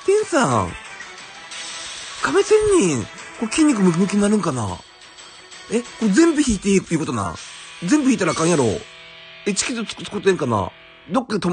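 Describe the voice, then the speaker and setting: A man with a Kansai accent giving casual, excitable commentary as he pulls characters in a game, exclaiming and musing aloud. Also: high-pitched. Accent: Kansai Japanese. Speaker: gaming YouTuber. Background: game music.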